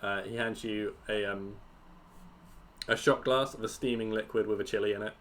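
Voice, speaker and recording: A man's voice: fairly low pitch, steady tone, normal speed, fairly bright tone, slight background noise. A man narrating as game master of a tabletop game, stammering and repeating words as he goes.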